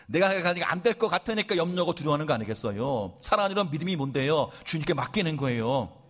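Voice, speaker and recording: A male pastor preaching a sermon in an animated storytelling way, firing off rhetorical questions and joking about himself. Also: a little high, slightly rough. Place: church service.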